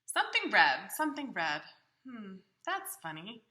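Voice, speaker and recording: A woman's voice: mid-range voice, big pitch swings, a little slow, sharp tone. A woman voicing a big, friendly, childlike bird from a storybook, earnest, hesitant and easily muddled. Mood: hesitant, eager. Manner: hesitant, earnest, folksy exclamations.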